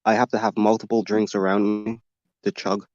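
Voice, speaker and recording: A man's voice: lowish voice, level tone, brisk, a little mellow, dry recording. A man, a voice actor, chatting bluntly and swearing casually from a foam-lined closet. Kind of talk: casual chat. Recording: dull lo-fi home recording.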